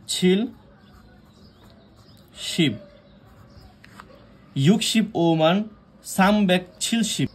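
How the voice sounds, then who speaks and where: A young man from Bangladesh teaching a Korean language lesson, repeating key points, quizzing the listeners with questions and pausing on fillers and restarts. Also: fairly high pitch, slightly rough. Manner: hesitant, frequent fillers and restarts. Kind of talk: explanatory lesson.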